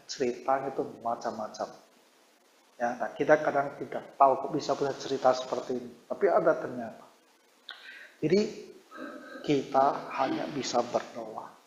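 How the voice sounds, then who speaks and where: Male pastor, conversational storyteller, mid-pitched; roomy, dull recording. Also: slight background noise. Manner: conversational, storytelling with quoted dialogue. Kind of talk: informal sermon with personal stories. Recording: roomy, dull low-fi sound.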